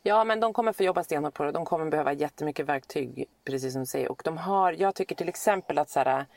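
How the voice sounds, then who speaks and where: A woman's voice: sits low, darkish tone, dry recording. A woman in her forties in casual chat, talking at length with many fillers and acted-out quotes. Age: 40s. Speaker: podcast co-host and parent.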